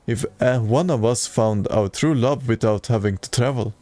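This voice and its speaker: A man's voice: medium pitch, moderate pace, warm tone, dry recording. A man streaming a video game and reading its dialogue aloud in a plain way, with occasional stumbles.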